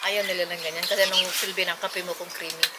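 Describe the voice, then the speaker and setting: A woman's voice: fairly low pitch, flat delivery, quick pace. A woman with a Filipino accent chatting casually, mostly giving short, supportive replies. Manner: supportive, brief replies and encouragement. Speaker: friend in conversation. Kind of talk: casual chat. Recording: loud background noise.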